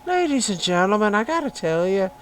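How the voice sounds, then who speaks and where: A podcaster voicing a boisterous Irish announcer who greets an audience in a loud, bouncy, showy way. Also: mid-range voice, big pitch swings, a little fast, pitched above the performer's own voice. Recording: noisy room with hum.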